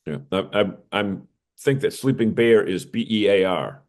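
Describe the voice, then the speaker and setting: This American man, whose voice is a bit low and darkish, co-hosts a news show. He talks at a normal speed in a casual, conversational way, as if going over the stories with a colleague.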